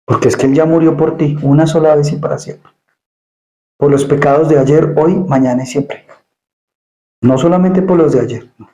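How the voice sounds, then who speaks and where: A male pastor delivers an emphatic sermon in a fairly high but dark, mellow voice. He repeats words as he builds his points. The sound carries the echo of a church room. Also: steady tone, moderate pace, pauses often. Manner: emphatic preaching with repetitions and acted asides.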